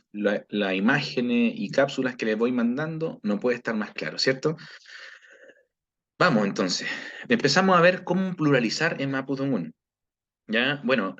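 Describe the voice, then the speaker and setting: Chilean man, language teacher on a video lesson, patient, keeps checking in with students, mid-pitched voice, slightly dull lo-fi sound. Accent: Chilean Spanish. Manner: patient, checks in with frequent "¿ya?" and "¿cierto?"; slow, careful pronunciation of example phrases. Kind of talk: recorded video lesson review.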